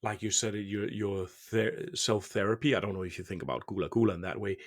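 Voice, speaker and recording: A man's voice: fairly low pitch, fairly quick. Hesitant male interviewer. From Denmark. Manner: hesitant, searching, restarts sentences. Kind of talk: interview questions.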